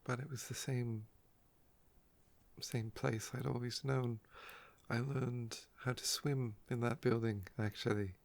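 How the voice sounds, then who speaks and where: An ASMR video creator speaks softly at a middling pitch with fairly even intonation, his voice heavily creaky and croaky-edged. He rambles casually and unhurriedly through personal stories, sounding a little wistful.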